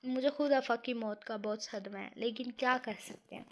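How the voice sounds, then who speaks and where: A woman novel writer chatting casually about her serialized novel, rambling and often correcting herself, sounding tired and sleepy. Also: a little high.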